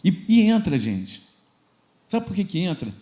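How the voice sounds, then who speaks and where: A Brazilian man preaches to his church congregation, slipping into playful little scenes between exhortations. His voice sits a bit high with a warm, mellow color and a relaxed, chatty delivery. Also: measured pace. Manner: lively and informal, acting out little scenes and laughing. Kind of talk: sermon. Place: church service before a congregation.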